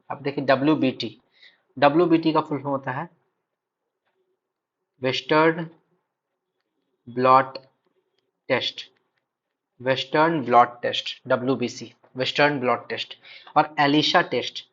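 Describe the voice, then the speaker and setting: A man's voice: mid-range voice, fairly bright tone. Repetitive male lecture teacher, lo-fi. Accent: Hindi speaker from Bihar. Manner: repeats key terms, checks in with "ठीक है". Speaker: exam-prep teacher. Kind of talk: recorded lecture.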